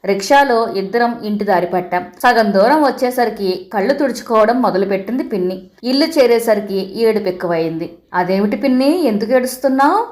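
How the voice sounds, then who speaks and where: A woman narrating a humorous short story in the first person, in a calm, even storytelling manner. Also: medium pitch, fairly quick.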